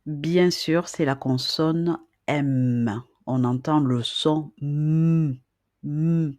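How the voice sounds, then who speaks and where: In a slow, patient lesson, a woman teaches beginners to read and write, restating each question and checking in often. She speaks very slowly in a low, slightly mellow voice, with clean studio audio and no echo.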